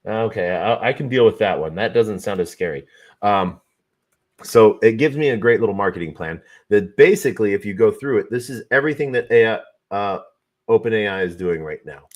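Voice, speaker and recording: A man hosting a livestream, thinking aloud in a slow, halting way while testing AI tools. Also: fairly low pitch, lively intonation. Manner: slow, halting, trailing off with fillers. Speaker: livestream host.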